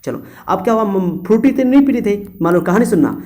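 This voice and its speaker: A man's voice: high voice, animated, brisk, darkish tone. A young man teaching students a memory trick in a chatty way, acting out little voices in his story.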